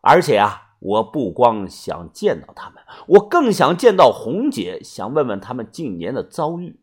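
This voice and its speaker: A man narrating a first-person audio novel in a colloquial, chatty storytelling manner with a husky voice. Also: medium pitch, big pitch swings, normal speed.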